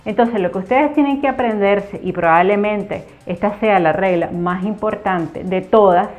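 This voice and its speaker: A woman teaching an online Spanish grammar lesson, explaining patiently and repeating key words slowly. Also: medium pitch, a little mellow. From Nicaragua.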